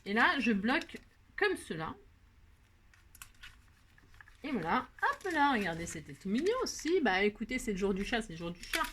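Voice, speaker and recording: A woman's voice: fairly high pitch, sing-song, normal speed, long pauses, fairly bright tone, slightly rough. A middle-aged woman chatting casually through a crafting tutorial, talking to herself and her viewers as she works. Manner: chatty, talks to herself and viewers, many fillers.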